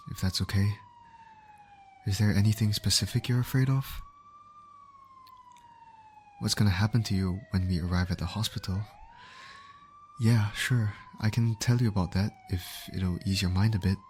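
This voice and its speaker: A man with a low voice, close to his everyday one, acts as a gentle medic in an ASMR comfort roleplay, attentively coaxing and steadily reassuring an injured patient. Faint sirens and vehicle sounds can be heard behind him.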